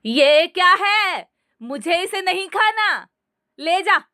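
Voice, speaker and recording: A woman doing a shrill scolding mother-in-law. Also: no echo, clean studio sound, exaggerated voice. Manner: shouting, slow drawn-out scolding.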